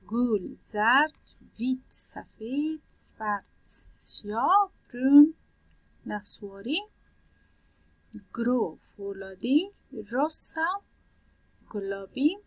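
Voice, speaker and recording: A woman's voice: sits high, no room sound, rough recording. Patient woman teacher, dry close sound. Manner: patient, repeats points and translates word by word. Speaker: language teacher. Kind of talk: explaining a worksheet in a lesson.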